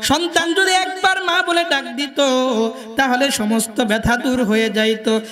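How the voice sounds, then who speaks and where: A man's voice: extremely high pitch, steady tone, a little slow, bright, forceful tone, big-room sound, soft background music, heavily acted. A man voicing a grieving mother who pleads with her husband in a plaintive tone. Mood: pleading.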